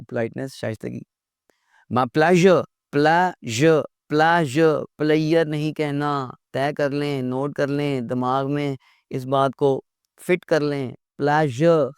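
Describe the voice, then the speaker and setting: A man's voice: medium pitch, fairly even intonation, measured pace, clear, resonant tone, no echo, studio quality. A middle-aged man teaching an English lesson, earnest and repeating words to drill them in.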